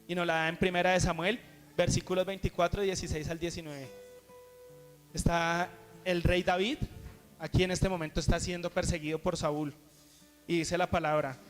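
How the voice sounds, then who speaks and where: A man preaching a sermon, retelling a scripture story earnestly with frequent restarts. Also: high-pitched. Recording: reverberant hall with soft guitar music.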